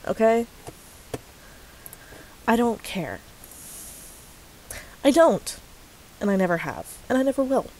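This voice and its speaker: A woman's voice: lowish voice, a little mellow, a little hiss or hum, poor audio. A woman vlogging to a commenter, sarcastic and profane, often breaking into laughs. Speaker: YouTuber responding to a commenter. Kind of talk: casual ranting vlog.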